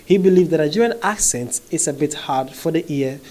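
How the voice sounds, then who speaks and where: With a fairly high, slightly mellow voice and a somewhat fast delivery, this male commentary vlogger reacts to social media comments he reads out loud. He talks conversationally, peppering his speech with fillers and frequent "okay?" check-ins.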